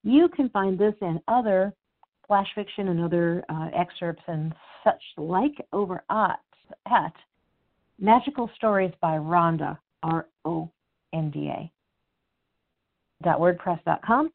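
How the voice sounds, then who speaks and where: A woman's voice: lowish voice, a little slow, gravelly. A woman author talking casually about her writing, chatty and rambling, then reading her own story aloud. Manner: chatty, rambling, with fillers and restarts. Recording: tinny phone-like sound.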